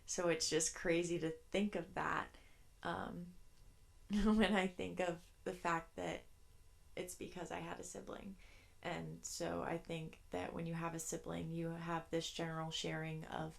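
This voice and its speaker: A young woman in her twenties talks through her childhood memories on a solo podcast recorded in her bedroom. Her voice sits on the low side with a gravelly, fry-filled texture, and she rambles in a chatty, easygoing way. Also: level tone, a little slow. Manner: chatty, rambling, laughs between thoughts. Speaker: podcast host. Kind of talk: casual solo podcast storytelling.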